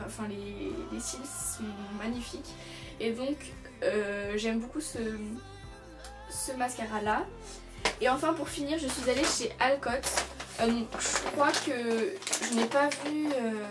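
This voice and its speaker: A young woman chatting casually through a shopping haul, rambling with many fillers and restarts. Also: on the high side. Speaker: beauty vlogger. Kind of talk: casual haul video chat. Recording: distant from the mic, music behind. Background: music.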